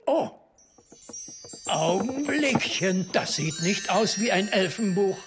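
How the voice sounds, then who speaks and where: A woman's voice: mid-range voice, lively intonation, slow, music in the background. A woman voicing a fussy, stern wise old elf librarian in a cartoon dub, with a strict librarian's shushing manner. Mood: fussy, puzzled.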